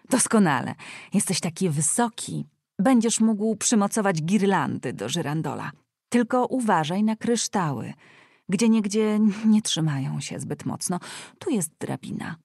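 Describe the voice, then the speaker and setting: A woman reading an audiobook voices a fussy, grumbling widowed aunt who exclaims and scolds loudly. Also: mid-range voice, creaky, dry recording, studio quality, exaggerated voice.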